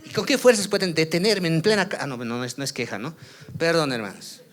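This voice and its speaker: Casual guy preaching at church, voice sits a bit high, keeps asking the crowd "no?" and goes loud then quiet. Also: fast talker. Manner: rhetorical questions with tag "¿no?", swings from loud to soft. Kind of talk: sermon. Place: church service.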